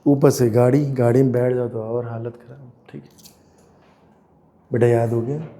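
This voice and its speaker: A man's voice: mid-range voice, fairly even intonation, moderate pace, mellow. A man, unwell and sore-throated, teaching a physics class and teasing and scolding his students. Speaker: coaching teacher.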